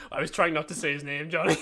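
Halting young man. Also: a little high. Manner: halting, restarts a lot, excitable. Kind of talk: casual chat.

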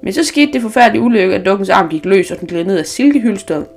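A woman reading a children's story aloud, unhurried, with small restarts. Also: mid-range voice, lively intonation, faint music behind.

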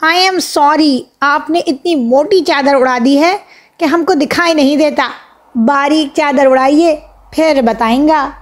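A woman's voice: high-pitched, voice pushed up, close to an everyday voice. Woman voicing a nasal cheeky little girl. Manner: cheeky, drawn-out answers. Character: cheeky young girl faking a trance.

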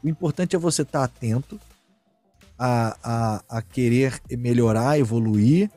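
A man hosting a casual chat, telling stories in a slangy, animated way and acting out the quotes. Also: mid-range voice, unhurried, dry recording, faint music behind. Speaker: streamer and podcast host.

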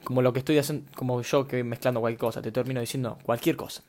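A man's voice: mid-range voice, fairly even intonation, quick pace, a little mellow. Rambling young Rioplatense man. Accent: Rioplatense Spanish. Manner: scattered, self-mocking, slangy. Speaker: podcast host. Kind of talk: rambling solo podcast.

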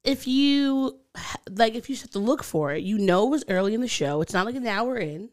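Female podcast co-host, Long Island accent, crisp clear voice, lively intonation, casual banter. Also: fairly high pitch, moderate pace. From Long Island, New York.

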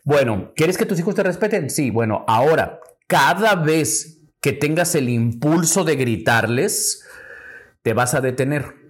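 A man voicing a calm older male spiritual teacher who gives patient, step-by-step instructions. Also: fairly high pitch, measured pace.

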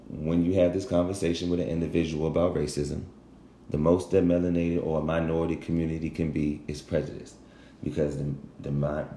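Brief: man, very low mellow voice, a bit under the weather with a cold, casual talk to followers, roomy echo. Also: slight background noise. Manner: conversational, often restarts and corrects himself, asks "you understand?". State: has a cold, speaking low. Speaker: social commentator addressing followers. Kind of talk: casual spoken monologue.

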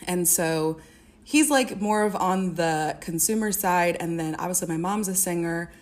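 A woman's voice: lowish voice, unhurried. A young woman from the American Midwest, a singer and music therapist, chatting as a podcast guest with many fillers and restarts. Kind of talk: casual interview.

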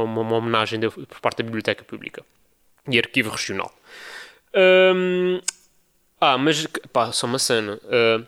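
A young man with a European Portuguese accent, hosting a podcast and telling a story casually, mimicking people he describes. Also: clean tone. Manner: animated storytelling, mimics others in high voices. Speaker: podcast host.

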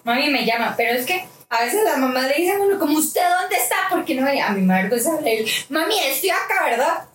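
A woman co-hosting a podcast in casual chat, telling stories animatedly and acting out quoted voices with big pitch jumps, laughing often. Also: expressive, brisk. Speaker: podcast co-host. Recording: echoey room, distant mic, faint noise.

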